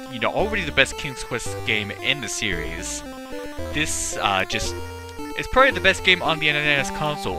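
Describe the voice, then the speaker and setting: A man's voice: mid-range voice, poor audio. A man giving casual, mock-grand, tongue-in-cheek commentary as the host of a let's play. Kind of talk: casual video game commentary.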